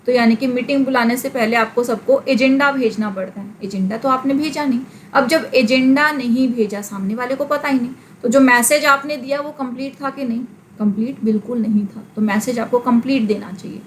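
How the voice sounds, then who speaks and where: A woman teaching a class, her voice sitting a touch high. She explains patiently with everyday examples, switching English terms into Hindi. A faint background hiss runs under the recording. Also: a little fast, rough recording. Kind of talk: classroom lecture.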